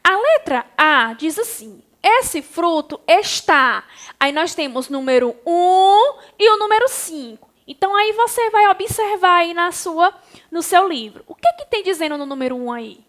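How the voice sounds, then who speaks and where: A woman's voice: very high-pitched, sing-song, a little slow, fairly bright tone. A Brazilian woman teaching a class to young children, speaking patiently and affectionately and guiding them step by step. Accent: Brazilian Portuguese. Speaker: primary school teacher.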